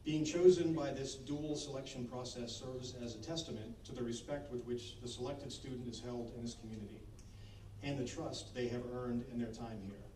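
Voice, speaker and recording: Male school leader, formal podium speech, measured phrasing, relaxed tone, picked up from a distance. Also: mid-range voice. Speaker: school leader addressing graduates. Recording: echoey, distant microphone, clear background noise.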